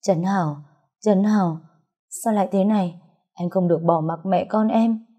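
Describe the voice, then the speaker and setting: A woman's voice: medium pitch, normal speed, warm tone, slightly rough, natural voice. A woman voicing a grief-stricken young pregnant woman who pleads through sobs. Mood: grieving, pleading. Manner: sobbing, pleading.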